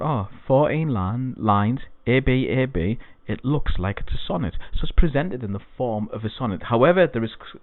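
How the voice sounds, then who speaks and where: A man's voice: medium pitch, dry recording. A man teaching an exam-prep poetry lesson, explaining things patiently and repeating key points. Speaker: English tutor. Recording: dry, phone-like lo-fi sound.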